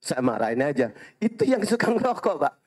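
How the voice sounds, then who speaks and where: Animated high-voiced preacher. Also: male voice, brisk. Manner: animated storytelling, quoting Arabic phrases, addressing audience as Pak, Bu. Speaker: Islamic preacher and hajj guide. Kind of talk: sermon with anecdotes.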